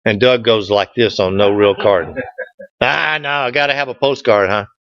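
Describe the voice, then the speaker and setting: A folksy club presenter jokes with his audience during a casual slide presentation, standing at a lectern in an indoor meeting room. He speaks at a normal speed in a lowish, fairly bright voice. The room recording is dry, dull, and lo-fi.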